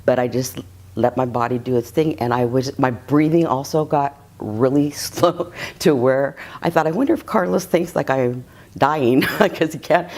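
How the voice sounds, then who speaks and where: A woman's voice: rumbling low, darkish tone. A woman telling an interviewer about her healing session in a casual, rambling way, giggling often and restarting her sentences. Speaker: reiki client giving a testimonial.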